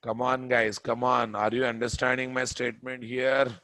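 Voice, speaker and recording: A man's voice: mid-range voice, flat delivery, normal speed, sharp tone, dry recording. A man giving a live coding lecture as an instructor, repeating himself and prodding listeners with questions. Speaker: programming instructor.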